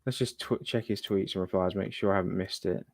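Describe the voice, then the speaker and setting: A man's voice: sits low, fairly even intonation, fairly quick, creaky, dry recording, clean studio sound. A man chatting casually as host of a live gaming stream, thinking aloud and muttering asides to himself. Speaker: livestream host.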